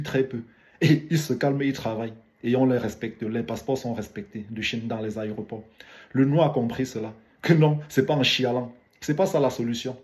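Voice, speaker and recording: A man's voice: medium pitch, a little mellow. A man with a light African French accent commenting on a video in a didactic monologue, repeating phrases for emphasis.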